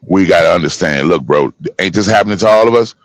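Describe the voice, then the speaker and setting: A man in his fifties talking forcefully in a heated panel discussion, preaching in street slang. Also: sits low, fast, no room sound. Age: 50s. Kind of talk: heated casual panel talk.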